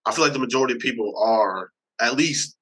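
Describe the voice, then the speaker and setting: A man's voice: mid-range voice, quick pace, a bit bright, poor audio. A man in casual chat, talking earnestly and hedging his points. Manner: earnest, hedging with "like" and "you know".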